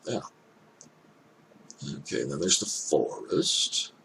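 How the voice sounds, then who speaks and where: An older man with an elderly-sounding voice gives casual off-the-cuff commentary, thinking aloud in halting, hesitant phrases. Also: extremely low pitch, sing-song, sharp tone. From Canada. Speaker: reaction video host. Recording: clear background noise.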